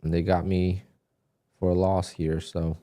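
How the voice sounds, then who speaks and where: A man with a deep, dark voice chats loosely on a live stream while he trades. He talks in a relaxed way, thinking aloud and restarting his sentences as he goes. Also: unhurried. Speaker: livestream day trader. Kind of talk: casual live-stream chat.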